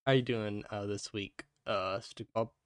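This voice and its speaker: Guy hosting a chatty game podcast, talking thru gauze in his mouth, smooth tone, rambles, very dry sound. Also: on the low side, fairly even intonation, slow, dry recording. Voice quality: muffled speech from gauze in the mouth. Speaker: podcast host. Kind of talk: casual retro gaming podcast chat.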